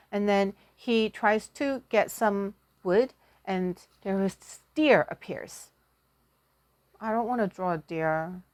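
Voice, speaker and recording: Teaching Korean through relaxed storytelling, this woman chats away, pokes fun at herself, and frequently thinks out loud. The recording is dry, and her voice sits at a medium pitch.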